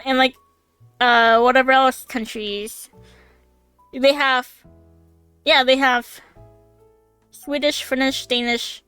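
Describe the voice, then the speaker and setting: A young woman in her twenties chatting on a home stream, her voice high and bright, with a smooth, clear tone. She rambles excitably through fillers and laughter and swears casually. Faint music plays behind her. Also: dry recording. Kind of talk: casual chat on a live stream. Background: faint background music.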